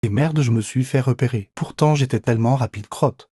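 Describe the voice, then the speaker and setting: A man's voice: medium pitch, brisk, over loud music, close to an everyday voice. A man voicing a cheeky, boastful pet ferret in a playful, mock-dramatic comic voice-over.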